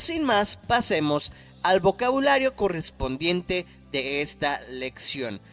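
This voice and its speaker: A man teaching an English lesson at a slow, patient pace, repeating each word carefully. His voice sits a little high and moves a lot in pitch. Soft music plays faintly behind him.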